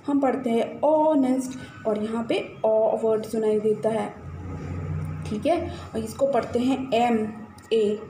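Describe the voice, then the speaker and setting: A woman's voice: fairly high pitch, dark tone. A woman teaching grammar to students, encouraging and repeating phrases to check they follow. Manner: encouraging, repeats "ठीक है" and addresses children. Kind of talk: classroom-style explanation to students. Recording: echoey room with faint noise.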